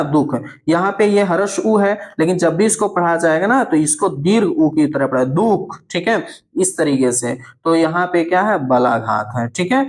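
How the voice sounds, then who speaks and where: A male teacher going through an exam answer key, asking questions and answering them himself, often checking in and drawing words out slowly for emphasis. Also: on the high side. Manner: keeps checking in with "thik hai".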